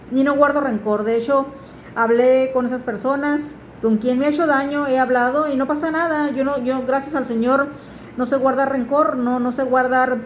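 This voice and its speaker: A woman's voice: high-pitched, a little hiss or hum. Earnest woman giving a testimony. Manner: earnest, pleading with listeners to turn to God. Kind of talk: personal religious testimony. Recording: echoey room.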